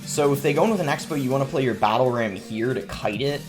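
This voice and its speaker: A young gaming streamer with a cold talks calmly and quickly over music, his medium-pitched voice stuffy and his throat sore. His live gameplay commentary is relaxed and explanatory, packed with fillers, and he's at a gaming desk in an indoor room.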